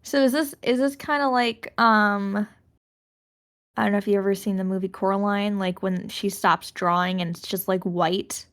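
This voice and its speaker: A woman's voice: medium pitch, steady tone, moderate pace, a bit bright. A woman playing a tabletop game, talking casually and filling her questions with "like". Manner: chatty, lots of "like". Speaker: player. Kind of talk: casual tabletop role-play.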